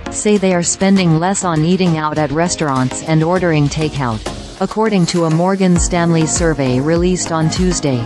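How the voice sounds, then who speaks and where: A woman giving a scripted news narration in an even, measured newsreader delivery. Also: low voice. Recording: faint music bed behind voice-over. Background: faint background music.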